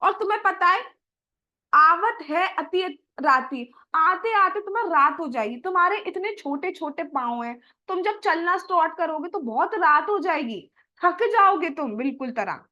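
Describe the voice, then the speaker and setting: एक महिला की आवाज़ में ममता भरी मैया अपने लल्ला को प्यार से समझाती है। आवाज़ ऊँची और तीखी-चमकदार है, और बोलने में दुलार और चिंता दोनों हैं।. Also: female voice, very high-pitched, animated, normal speed, bright, forceful tone, lo-fi sound, heavily acted. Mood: worried. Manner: fond and coaxing, addressing her son. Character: loving, worried mother Yashoda.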